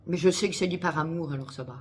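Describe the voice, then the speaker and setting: A woman's voice: deep voice, fast talker, darkish tone, slight background noise. A woman vlogging in casual chat to camera, chatty and swearing freely, talking through a headset.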